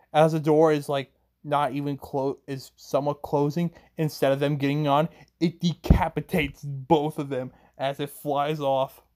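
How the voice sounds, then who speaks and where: Slow, rambling young-sounding male storyteller. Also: fairly high pitch. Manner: rambling, chains events with "as", frequent restarts. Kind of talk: improvised fan-fiction narration.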